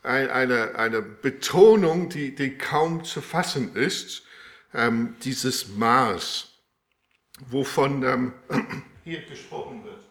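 A man preaching a sermon with a live demonstration, speaking in a halting way with many fillers and restarts. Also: medium pitch, fairly bright tone. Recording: echoey room.

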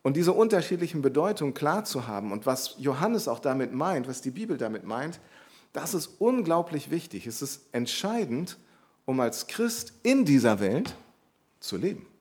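A man's voice: on the high side, sing-song, normal speed, darkish tone, breathy edge. A man preaching a sermon, explaining a Bible passage in an earnest, teaching way and repeating key phrases for emphasis.

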